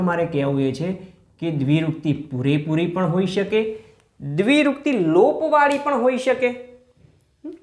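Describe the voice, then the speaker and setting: A man teaching a grammar lesson. He poses questions to the class, says example words slowly, and checks in with "hm?". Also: sits high. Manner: asks the class rhetorical questions. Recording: echoey room.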